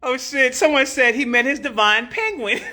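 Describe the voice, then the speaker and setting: A brash woman acting as a spiritual teacher chats live with viewers and answers comments, swearing, clowning and laughing often. Her high-pitched voice is bright and sharp with a tense edge, and she tends to repeat a line several times before moving on.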